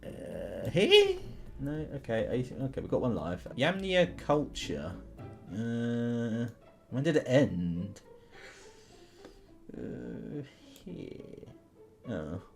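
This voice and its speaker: Playing an online history quiz game, this male YouTube host thinks aloud in questions and talks to his viewers in casual commentary. His mid-range voice swings hugely in pitch and is creaky and darkish, delivered extremely slowly with many pauses over faint background music.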